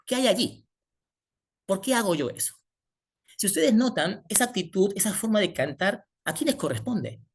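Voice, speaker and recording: A man's voice: high-pitched, expressive, normal speed, a little hiss or hum. A man preaching a sermon, asking the congregation rhetorical questions as he teaches.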